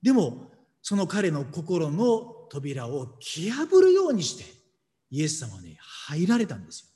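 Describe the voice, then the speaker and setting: Animated preaching man in a reverberant hall. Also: fairly high pitch. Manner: animated, emphatic preaching with dramatic pauses. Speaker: pastor. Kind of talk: sermon with scripture reading.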